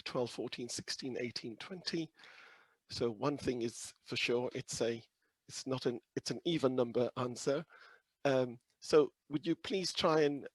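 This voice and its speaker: A man with a croaky, hoarse voice presenting a webinar over a video call in a humble, hesitant, explanatory way. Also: medium pitch, dry recording. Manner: humble, hesitant, softly hedging. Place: video call with screen sharing.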